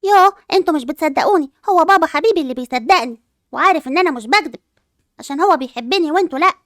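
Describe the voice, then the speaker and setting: A high, spoiled schoolgirl with an Egyptian accent, sulking and plotting revenge at breakneck speed, voiced by a woman. Her whiny, defiant lines come dry and close to the mic. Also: animated, racing, dry recording. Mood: spiteful. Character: spiteful spoiled schoolgirl, jealous and vengeful. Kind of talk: amateur role-play dub.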